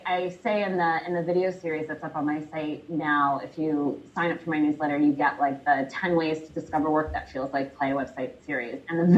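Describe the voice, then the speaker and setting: A woman career coach answering a question in an interview, animated and chatty, laughing often and talking with lots of fillers. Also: low voice, dull audio.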